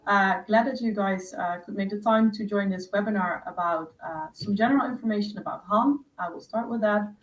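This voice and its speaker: A woman's voice: medium pitch, a little fast, few pauses. A woman hosting a webinar for prospective students, explaining step by step with frequent fillers over a video call. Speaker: host. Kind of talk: webinar presentation. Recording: roomy distant mic with faint noise.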